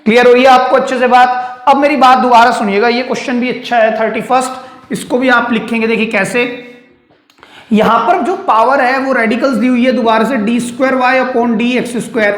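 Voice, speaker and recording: Echoey woman teaching math step by step. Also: fairly high pitch. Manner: explains step by step, often checks "clear?". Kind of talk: classroom math lesson.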